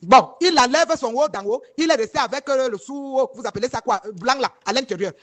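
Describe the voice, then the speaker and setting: A woman from northern Cameroon speaks. She talks fast and emphatically, stacking restarts and repeated words as she addresses her audience directly. Her tone is heated testimony, never detached. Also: sits high. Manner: speaks straight to her audience and asks if they follow. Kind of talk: heated first-person testimony to viewers.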